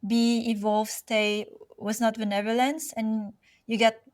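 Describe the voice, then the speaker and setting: A woman's voice: fairly high pitch, little pitch movement, unhurried. A woman hosting a podcast interview, asking curious, winding questions. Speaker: podcast host.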